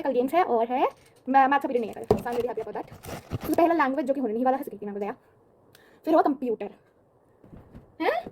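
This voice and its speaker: A woman's voice: high voice, darkish tone, slight background noise. A teenage girl, chatting casually in a vlog into her phone camera, rambling and mixing in English. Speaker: vlogger.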